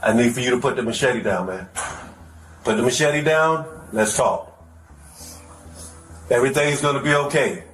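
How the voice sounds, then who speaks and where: Calm insistent police negotiator, man. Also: mid-range voice, moderate pace, soft background music. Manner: calm, insistent, repeats pleas. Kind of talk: crisis negotiation. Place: inside a building. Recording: echoey body camera audio with background noise.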